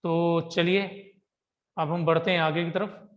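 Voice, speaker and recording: High-voiced man teaching math, echoey. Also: little pitch movement, unhurried, dull audio. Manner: chatty, repeats "ठीक है जी" and "भाई". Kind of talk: classroom-style math lesson. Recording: echoey room.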